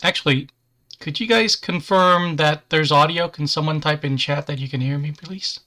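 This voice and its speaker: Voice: mid-range voice, normal speed, pushed and bright. Easygoing livestream host, casual chat, dry self-deprecating jokes, mid-range voice. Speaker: livestream host building a model kit.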